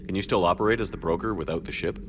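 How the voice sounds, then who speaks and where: A man playing a steady, resolute military commander in a video game, firm and plain-spoken. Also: very fast, natural voice. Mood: inquiring, steady. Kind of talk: video game character dialogue. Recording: clear rumbling noise behind game dialogue.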